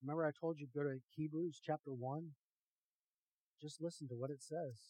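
A man preaching a sermon with emphatic rhetorical questions, swinging from hushed to loud and talking directly to his congregation. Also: a little high, steady tone, brisk, husky, low-quality recording. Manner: talks with the congregation, asks them questions. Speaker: pastor.

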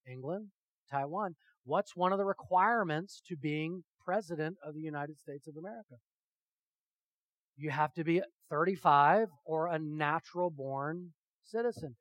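A man preaching a sermon with emphatic rhetorical questions, swinging from hushed to loud and talking directly to his congregation. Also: a little high, a little slow, no room sound, low-quality recording. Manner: talks with the congregation, asks them questions. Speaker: pastor.

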